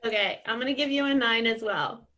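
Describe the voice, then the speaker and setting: A woman's voice: a little high, fairly quick, bright, forceful tone, highs cut off. A woman casually hosting a party game over a video call, with a giggly, teasing manner. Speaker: host and judge of a contest. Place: indoors at home, on a video call. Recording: noisy video call with clicks.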